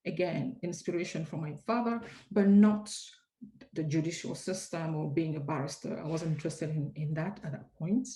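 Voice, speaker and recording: A woman from Cameroon, giving measured, reflective answers as an interview guest, often pausing with hesitations. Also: low voice, warm tone, rough recording. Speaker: compliance consultant, interview guest.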